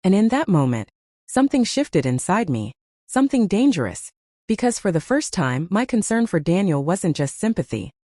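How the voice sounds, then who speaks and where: Woman telling a dramatic story, mellow tone, dry close sound, lots of up and down. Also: medium pitch, big pitch swings, dry recording. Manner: dramatic, with slow emphatic pauses. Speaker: narrator. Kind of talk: scripted first-person story narration.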